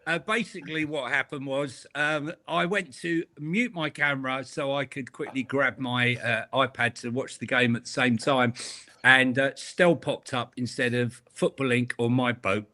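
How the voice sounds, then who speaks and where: Bright-voiced joking man. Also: medium pitch, fairly even intonation, normal speed. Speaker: podcast panelist. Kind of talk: casual football chat. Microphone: video call.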